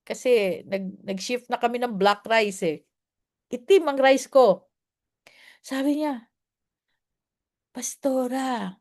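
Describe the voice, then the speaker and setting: A woman's voice: on the high side, darkish tone. A woman pastor telling homely stories in a casual sermon. She is chatty, laughs often and slips in English phrases.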